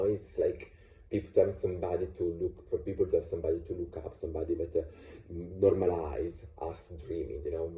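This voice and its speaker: A man from Italy chats casually about his opinions as a vlogger, often restarting and leaning on fillers in this off-the-cuff monologue. He has a low, warm voice, recorded in an echoey room.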